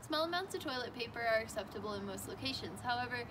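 A young woman in her twenties giving a scripted outdoor skills lesson in a backyard, upbeat and playfully deadpan, recorded on a camera mic. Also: on the high side, fast talker, background noise. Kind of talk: scripted instructional video.

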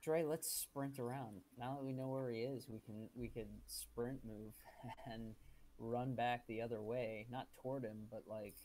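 A man's voice: medium pitch, steady tone, measured pace, darkish tone, a little hiss or hum, rough recording. A man playing a remote tabletop game, thinking aloud and planning moves with lots of questions. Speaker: player. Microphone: remote online call.

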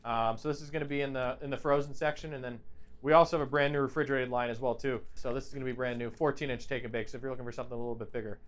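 A man's voice: fairly even intonation, racing. A man from a pizza company giving an upbeat product demonstration. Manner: upbeat sales pitch.

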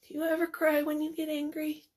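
A woman teacher reading a picture book aloud to children, pausing to ask them questions and sometimes dropping to a whisper. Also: high voice, monotone. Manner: gentle, asks the children questions, drops to whispers. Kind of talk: children's read-aloud lesson.

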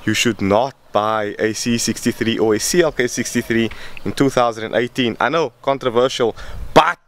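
A man's voice: mid-range voice, moderate pace. A man in his twenties with a South African accent hosts a casual car vlog in an informal, chatty, slangy way. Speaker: vlog host. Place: outdoors on a street, then inside a moving car. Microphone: camera at arm's length, then in-car camera. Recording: loud car and outdoor noise.

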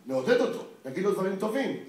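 A man giving a lecture to parents, lively and firing rhetorical questions at his listeners. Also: sits high, a little hiss or hum. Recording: very echoey hall, distant mic.

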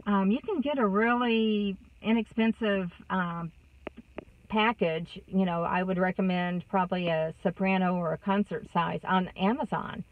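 This vlogger, a woman in her 60s with a Texan accent, talks casually into a phone camera up close inside her car, rambling and filling pauses often. Her mid-range voice has fairly even intonation and a measured pace, with a dry, thin phone-like sound and a distant-mic quality.

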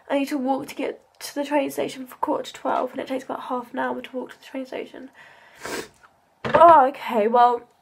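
An eighteen-year-old woman, rambling and swearing as she vents tearfully to camera in a casual vlog. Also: high voice. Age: young adult. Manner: emotional, rambling, swears freely. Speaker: vlogger.

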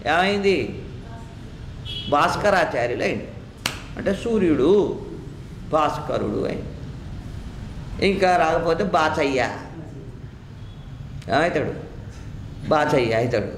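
A man giving an animated religious discourse as a teacher, asking rhetorical questions and reciting Sanskrit lines. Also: a little high, a little hiss or hum. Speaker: Vedanta teacher. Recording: echoey room with faint ambience.

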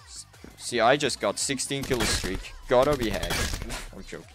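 A young man giving casual, excitable commentary while playing a shooter game, trash-talking and laughing often. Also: medium pitch, a little slow. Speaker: gaming streamer. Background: anime music.

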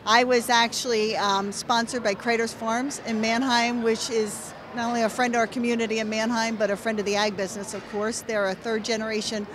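Middle-aged female interviewee, slightly high voice, informal event chat, clear arena noise behind her. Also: little pitch movement, a little fast, few pauses. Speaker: state legislator, event participant. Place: large indoor horse show arena.

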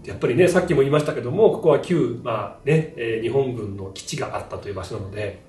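A man telling a spoken ghost story in an animated way, acting out sound effects and shouts as he goes. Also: medium pitch, fast talker. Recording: roomy, distant mic, music behind.

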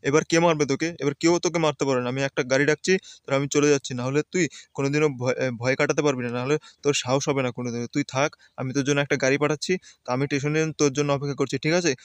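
A man's voice: fairly high pitch, steady tone, racing, smooth, no echo, natural voice. A man voicing a bossy but caring uncle who reassures and lectures his nephew. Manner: reassuring, lecturing, repeats "ঠিক আছে". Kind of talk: game play voice acting.

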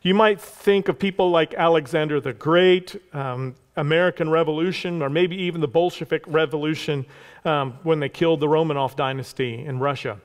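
A man's voice: a little high, steady tone, normal speed. A man preaching a sermon as pastor, telling a history story in a loose conversational way with asides and little jokes. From Texas. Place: church sanctuary.

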